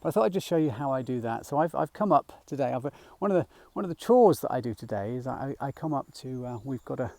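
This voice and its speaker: Gravelly middle-aged man vlogging outdoors. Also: medium pitch, animated, fast, hardly any pauses, no room sound. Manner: rambling, gentle, with frequent fillers and restarts. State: slightly out of breath. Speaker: nature mindfulness guide. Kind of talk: casual walking vlog. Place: outdoors in a field by a small woodland.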